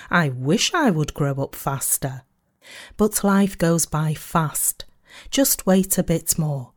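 Lady reading out a sermon, kinda low voice, calm and earnest, drags out the big lines. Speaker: sermon reader.

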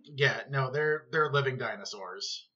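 A man's voice: medium pitch, a little slow, sharp tone. A man co-hosting a casual podcast chat, playful and teasing. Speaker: podcast co-host. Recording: dull lo-fi sound.

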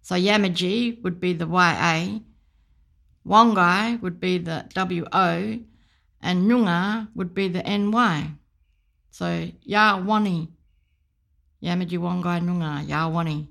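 Slow, careful woman reading a pronunciation guide. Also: on the low side, gravelly, a bit bright. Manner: repeats each word several times, then gives a short definition. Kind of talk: slow, repeated word-by-word pronunciation.

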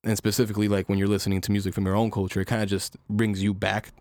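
A man's voice: lowish voice, racing, no echo. A young man hosting a casual podcast chat, asking loose, rambling questions. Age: young adult. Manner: relaxed, probing questions, loose rambling phrasing. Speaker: podcast host.

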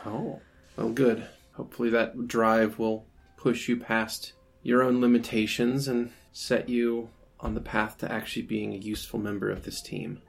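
A woman's voice: rumbling low, flat delivery, normal speed, vocal fry, slightly rough, soft background music, full character voice. A man playing a proud, blunt female warrior in a tabletop game, with a sardonic, condescending manner.

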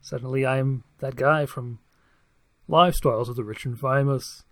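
A man's voice: mid-range voice, steady tone, moderate pace, a bit bright. A man hosting a podcast, chatting casually and joking with his co-hosts. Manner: playful, jokey banter. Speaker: podcast host.

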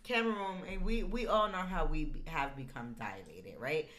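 A woman's voice: deep voice, normal speed, a bit bright. A woman co-hosting a podcast, chatting casually and telling stories with emphasis. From United States. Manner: emphatic, storytelling. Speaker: podcast co-host.

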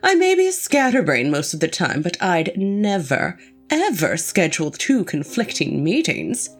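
Actress as a theatrical, over-formal eccentric doctor; unhurried, sing-song delivery. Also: female voice, lowish voice, huge pitch swings, exaggerated voice. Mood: playful. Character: eccentric scatterbrained woman doctor, nosy and theatrical. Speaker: voice actor in an audio drama. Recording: faint music underneath.

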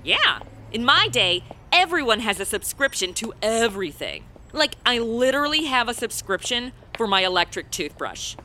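A woman's voice: a little high, sing-song, normal speed, pushed and bright, slight background noise. An actress playing a flippant modern young American woman stranded in the past, in a comedy audio drama.

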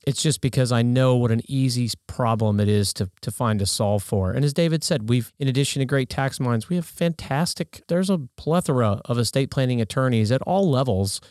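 A man's voice: medium pitch, fairly quick, few pauses, darkish tone, dry recording. Earnest man in a dry, close recording. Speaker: financial advisor, podcast guest. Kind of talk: conversational advice.

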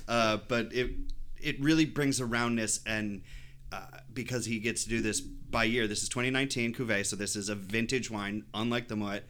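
A man's voice: on the low side, fairly even intonation, moderate pace, a bit bright, a little hiss or hum. A man co-hosting a podcast, casually explaining a sparkling wine, laughing easily as he rambles. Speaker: podcast co-host. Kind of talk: casual wine-tasting chat.

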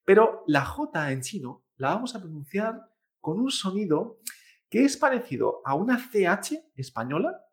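A male Chinese teacher with a high, sing-song voice gives a pronunciation lesson. He patiently models each sound slowly and repeats it, and he often tacks on "¿eh?" and "¿vale?".

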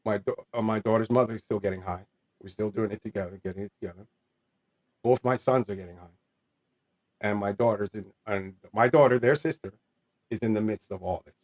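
A man's voice: on the low side, fairly quick, darkish tone. A man in his forties telling a candid personal story in an interview, earnest and rambling, with many fillers and restarts. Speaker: interview guest.

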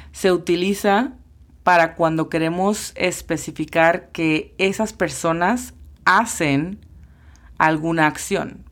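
A woman with a low voice teaches a language lesson. She talks at an unhurried pace and spells each sound out carefully, letter by letter. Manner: slow, careful spelling-out of pronunciations. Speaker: English teacher.

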